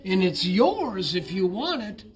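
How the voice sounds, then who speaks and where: A man doing a calm, cryptic wizard. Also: high-pitched, measured pace. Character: mysterious winking male wizard, calm and cryptic.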